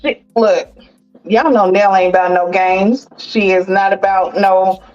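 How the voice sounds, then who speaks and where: A woman's voice: medium pitch, fairly even intonation, a little slow, a little mellow, soft background music. Female co-host, chatty, slightly muffled recording. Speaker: podcast co-host. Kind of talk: casual gossip chat.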